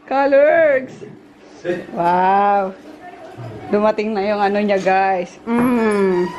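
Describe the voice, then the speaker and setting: A woman vlogging her daily life, chatty and laughing often, with high squeals when she gets excited. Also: slow pace, dull audio. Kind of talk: casual daily-life vlog. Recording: noisy handheld camera recording.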